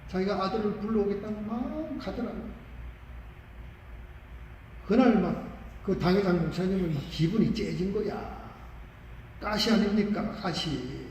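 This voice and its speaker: A male pastor preaching a sermon, telling stories with animated emphasis. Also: high-pitched, a little slow, pauses often, a little hiss or hum. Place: large church sanctuary. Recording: echoey church hall from far off.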